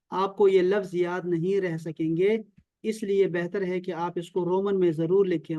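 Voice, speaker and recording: A man's voice: high voice, mellow, dry recording. A man from Pakistan teaching an online Arabic and Quran lesson over a video call, repeating key terms and checking often that his students follow.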